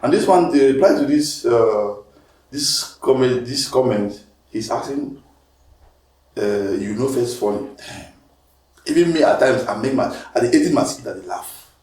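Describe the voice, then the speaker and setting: A young man with laced with answers online critics in an animated, defensive way, his voice climbing and getting louder when he argues his case. He sits some distance from the mic in a roomy, echoing space. His voice is mid-pitched for a man. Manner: animated, swings up loud and high when protesting, mixes in Pidgin. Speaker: comedian guest reading mean comments. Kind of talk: casual talk-show chat.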